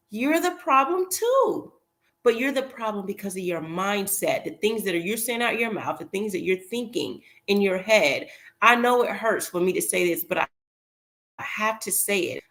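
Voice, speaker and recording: A woman giving casual opinion commentary in an emphatic, rambling way, pausing to recall details. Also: medium pitch, a bit bright. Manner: emphatic, rambling, with pauses to remember.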